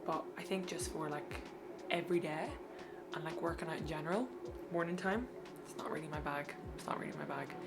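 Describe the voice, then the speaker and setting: A woman's voice: low-pitched, fairly quick, loud music behind the voice. A woman chatting informally and slangily as a fitness vlogger in a casual video. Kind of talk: casual vlog chat.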